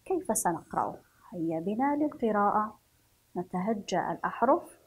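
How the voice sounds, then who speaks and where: Woman from Yemen, breathy mid-pitched voice, teacher reading words slowly for children. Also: animated, rough recording. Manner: slow, drawn-out syllable-by-syllable reading for young pupils. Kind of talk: children's reading and writing lesson.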